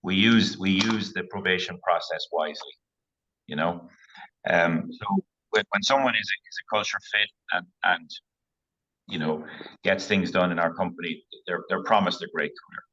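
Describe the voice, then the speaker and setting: A man's voice: low-pitched, normal speed, bright, forceful tone, muffled recording, a little hiss or hum. A man speaking as a panel guest, firm and plain-spoken, with fillers. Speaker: panel guest, company leader. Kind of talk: webinar panel answer.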